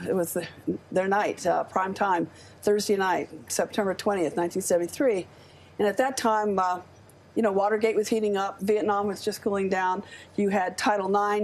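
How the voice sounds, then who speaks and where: Brief: older American woman guest in her seventies, gravelly and husky-edged, impassioned and earnest, live news desk. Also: medium pitch, darkish tone, a little hiss or hum. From United States. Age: 70s. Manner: earnest, impassioned, speaks with conviction. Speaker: studio guest.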